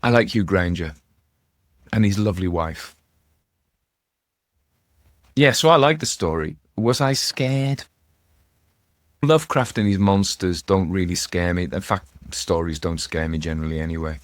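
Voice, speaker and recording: A man with a deep, unhurried voice hosts and narrates ghost story readings, pausing often. He muses through rambling, informal literary commentary, breaking off his own sentences and adding wry asides in a conversational way. The studio recording is clean with no room sound.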